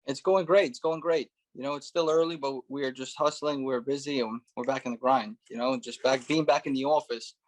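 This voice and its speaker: Speaking a little quickly with few pauses, this thirtysomething guest, born in Russia, shares his life story in a casual interview, leaning on "you know" and "right". He is a former cop turned real estate investor, with a mid-range, fairly even voice captured on poor audio.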